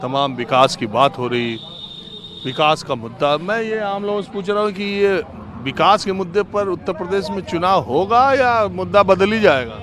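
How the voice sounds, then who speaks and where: A man's voice: high-pitched, normal speed, a bit bright. A male TV news reporter doing street interviews at a roadside, in a conversational, prodding manner. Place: roadside outdoors.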